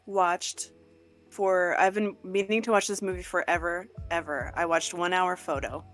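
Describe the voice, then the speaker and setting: A woman's voice: lowish voice, steady tone, moderate pace, fairly bright tone, soft background music. A woman guest on a podcast, chatting casually in a dry, sarcastic way. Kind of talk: casual chat.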